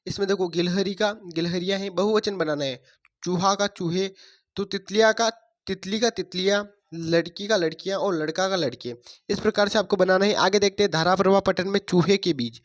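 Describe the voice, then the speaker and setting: A man's voice: high voice, normal speed. A man teaching a workbook lesson, reading stories aloud and explaining answers step by step. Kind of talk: workbook lesson read-through.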